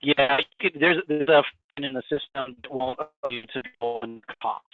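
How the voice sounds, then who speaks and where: Panelist, male, halting restarts, uneven volume as his call audio cuts in and out, narrow phone-like sound. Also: mid-range voice, steady tone, slight background noise. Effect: audio cutting in and out, uneven volume. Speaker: webinar panelist answering questions. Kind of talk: halting live webinar Q&A.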